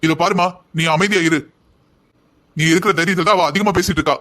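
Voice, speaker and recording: A man's voice: high voice, fairly even intonation, fast, a bit bright. A man voicing a stern middle-aged father who scolds his family in a cartoon drama, heard from a little way off the mic. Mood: scolding. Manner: scolding, blunt.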